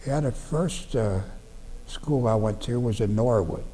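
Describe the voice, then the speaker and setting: A veteran from Ohio, USA, in his nineties, gives an oral history recollection of old times, speaking plainly and haltingly with frequent restarts and fillers. His medium-pitched voice is dark and mellow. The library room adds a long reverb, with faint noise underneath.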